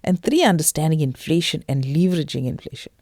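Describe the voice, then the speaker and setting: A woman's voice: low-pitched, animated, quick pace, a little mellow, dry recording, studio quality. A woman from South Africa with a Durban Indian English accent, hosting a podcast in an emphatic, conversational way and addressing listeners directly. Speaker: podcast host. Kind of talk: conversational financial podcast presenting.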